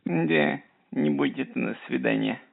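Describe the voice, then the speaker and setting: A man's voice: medium pitch, a little slow, vocal fry, a little hiss or hum. A man talking casually on a phone call in a blunt, coarse, slangy way. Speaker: call recipient.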